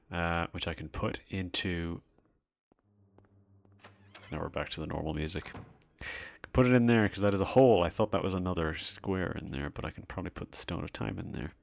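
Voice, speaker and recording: A man's voice: sits low, normal speed, vocal fry, pauses often, fairly bright tone. A man giving casual commentary while playing a video game, laid-back, chuckling often and swearing casually. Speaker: let's play host. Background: faint game music.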